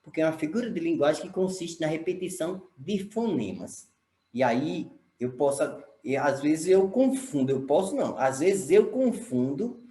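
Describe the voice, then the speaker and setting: A man's voice: on the high side, dark tone. A man with a Brazilian Portuguese accent teaching a recorded lesson, spelling out words and checking understanding with the class. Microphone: camera mic. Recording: echoey room.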